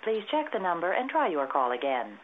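A woman's voice: lowish voice, huge pitch swings. A woman reading a formal recorded phone message, played back over a telephone line. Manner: slow, evenly paced formal announcement. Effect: recorded intercept message played over a phone line. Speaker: telephone intercept announcer. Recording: tinny phone line with faint hiss.

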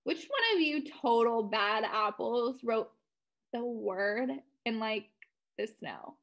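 A woman voicing a bored new schoolgirl in a goth disguise, drawling flatly. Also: sits high, slow, full character voice.

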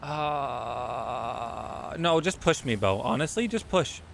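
Animated young man pleading with his bus. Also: mid-range voice, slow pace, gravelly, slight background noise. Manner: dramatic self-pleading, pep-talking his vehicle. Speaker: streamer driving a bus. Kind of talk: casual gaming chat.

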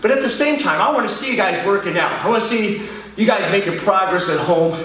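A man's voice: high voice, lively intonation, fairly quick, fairly bright tone. A middle-aged man, a martial arts instructor, leading a home workout class and counting reps aloud while he exercises. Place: large bare studio, indoors. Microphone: far camera. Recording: echoey studio from far off.

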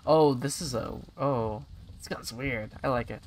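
A young man casually commentating a game stream, excitable and giggly, thinking out loud as he plays. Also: medium pitch, measured pace, slight background noise.

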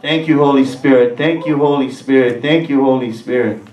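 A man's voice: mid-range voice, fairly even intonation, moderate pace, a little mellow. A middle-aged man with a Hawaiian Pidgin-tinged accent, a pastor giving church announcements in a chatty, upbeat way with laughing asides. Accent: Hawaiian Pidgin-tinged English. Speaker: pastor and worship leader. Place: stage of a large movie theater used as a church. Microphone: handheld mic on a stand, far camera. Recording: roomy theater sound from far off.

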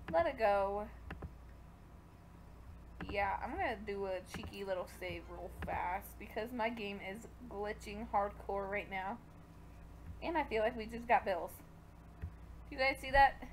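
Speaking slowly and pausing often, a young woman narrates her gameplay in a relaxed, chatty way, addressing the game's characters directly. She creates gaming videos and is pregnant and feeling hot. Her voice sits in the mid range, with slight background noise.

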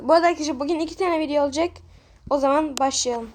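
A woman's voice: high voice, darkish tone, slight background noise. Chatty woman hosting a game video. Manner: chatty, fast, scolding as a judge. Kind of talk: casual gameplay commentary with voiced characters.

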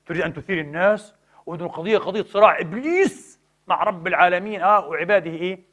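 High-voiced preacher pleading and exhorting. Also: male voice, very fast, muffled recording. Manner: emphatic, swings between loud exhortation and hushed pleading; rhetorical questions answered himself. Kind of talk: impassioned religious lecture.

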